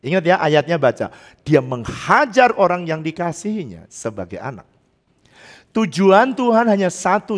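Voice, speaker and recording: Older man, pastor, sermon, high voice, lively pitch, laughs often, loud then hushed. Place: church, online service.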